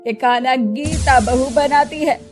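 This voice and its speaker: Woman voicing a kind older mother-in-law in a cartoon, loud and firm, fairly high voice. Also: takes it slowly, soft background music. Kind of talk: cartoon voice acting.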